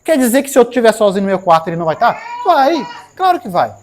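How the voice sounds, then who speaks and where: Brief: Brazilian woman preacher, animated sermon, voice leaping all over, keeps questioning the crowd. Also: fairly high pitch, fast talker. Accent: Brazilian Portuguese. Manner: animated, acts out dialogues, asks the audience questions.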